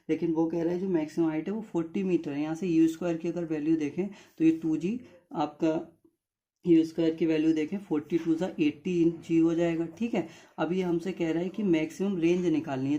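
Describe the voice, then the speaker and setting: A man's voice: fairly high pitch, mellow. Guy teaching maths, walks students through each step, kinda muffled lo-fi audio. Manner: explains step by step, addressing students directly. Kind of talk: exam paper solution lesson.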